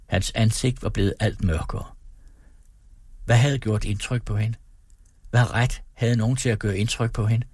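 A man reading a novel aloud on the radio in a measured way, with wry personal asides. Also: fairly low pitch, steady tone, a little mellow, slightly rough, no echo. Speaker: radio reader.

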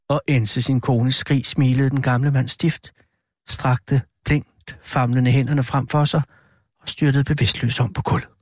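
A man narrating a horror story as an audiobook, in measured, even storytelling. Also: mid-range voice, dry recording, studio quality. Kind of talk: scripted narration of a horror tale.

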